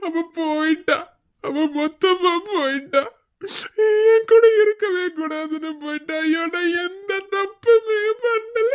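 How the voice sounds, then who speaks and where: A woman voicing a heartbroken young husband in a cartoon, crying through wailing lines with a Madurai Tamil accent. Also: extremely high pitch. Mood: sobbing. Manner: wailing, broken, drawn-out lines. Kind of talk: cartoon voice acting.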